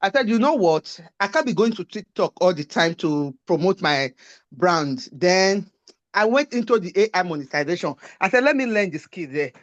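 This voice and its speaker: A woman's voice: on the low side, animated, normal speed, no echo. Woman student, casual rambling testimonial, dull call audio. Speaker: student sharing her story.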